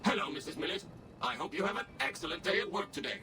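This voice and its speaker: A too-smooth polite android. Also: male voice, sits high, animated, fast talker, music in the background. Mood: ingratiating. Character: overly polite smooth male security robot. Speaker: building security system in a video game.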